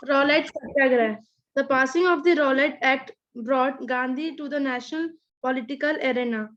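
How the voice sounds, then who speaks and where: A woman's voice: high-pitched, fairly bright tone. A female student with an Indian accent reading a history textbook aloud, sometimes restarting words. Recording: dull, lo-fi online call audio.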